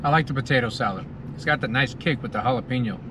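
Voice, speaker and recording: Talking fast in a mid-range voice, a middle-aged American man does a casual food review to camera while sitting in a car, savoring each bite between comments. Clear car-cabin ambient noise fills the background.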